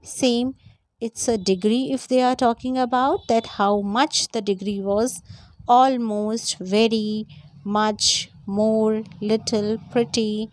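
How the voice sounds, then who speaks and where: A woman's voice: on the high side, steady tone, darkish tone, dry recording. A woman explaining a grammar lesson, going step by step and repeating her points. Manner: lists examples slowly one by one. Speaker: English teacher.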